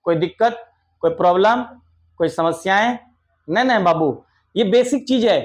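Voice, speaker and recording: A young man teaching English grammar to children in an online lesson, coaxing them affectionately and praising their answers loudly. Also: high-pitched, normal speed.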